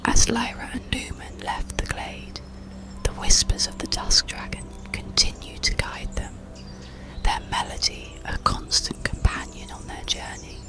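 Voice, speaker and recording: Whispering softly and breathily, the audiobook narrator never rushes while telling an ASMR bedtime story, keeping the calm, soothing mood from start to finish.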